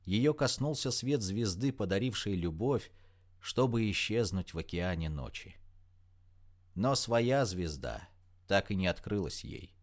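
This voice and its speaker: A man's voice: on the low side, measured pace. Man reading a story aloud, dramatic, voice rises and falls a lot. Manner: expressive, dramatic. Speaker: narrator. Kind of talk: audiobook narration.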